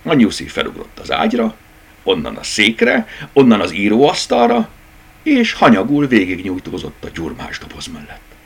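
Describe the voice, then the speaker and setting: A man reading a children's story aloud, expressive and animated. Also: fairly low pitch, vocal fry, breathy edge.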